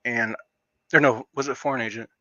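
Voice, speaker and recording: Rambling excitable man streaming casually. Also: medium pitch, brisk, no room sound. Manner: rambling, excitable, heavy use of "like". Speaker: livestream host. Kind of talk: casual livestream chat. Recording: dull lo-fi dry stream audio.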